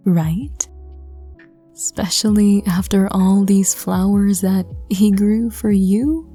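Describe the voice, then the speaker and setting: A woman narrating in a hushed, breathy, intimate whispered role-play, addressing the listener directly. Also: medium pitch. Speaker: audio drama reader.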